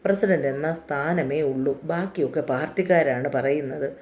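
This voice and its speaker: A woman's voice: deep voice, normal speed, darkish tone. A woman reading a story, voicing a middle-aged male council president who speaks cautiously. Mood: guarded. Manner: cautious, noncommittal.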